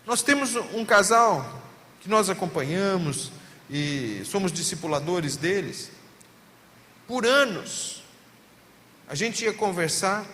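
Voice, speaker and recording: A man with a Brazilian Portuguese accent, a pastor preaching at a family seminar and telling stories with lively emphasis. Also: a little high. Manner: animated storytelling, voice rising and falling for emphasis. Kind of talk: sermon. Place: church hall at a family seminar. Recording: reverberant hall, faint background noise.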